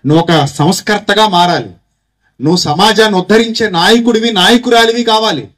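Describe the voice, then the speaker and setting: A man's voice: high voice, a little fast, a bit bright. A man preaching a Christmas sermon with a Telugu accent, pressing his listeners with rhetorical questions and having them repeat lines after him. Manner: exhorting, calls congregation to repeat phrases. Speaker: pastor.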